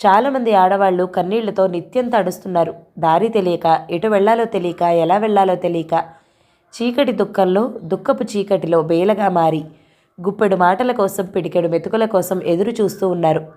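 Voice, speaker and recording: A thoughtful young woman reasons patiently with her upset friend, voiced by a woman reading an audio novel. Her even, medium-pitched tone stays close to the reader's own voice. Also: moderate pace, natural voice. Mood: reasoning. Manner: reflective, reasoning.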